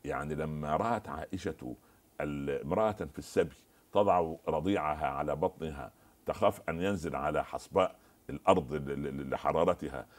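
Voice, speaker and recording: A man's voice: extremely low pitch, brisk. A man as the scholar guest on a TV religious discussion, preaching and quoting scripture and stories.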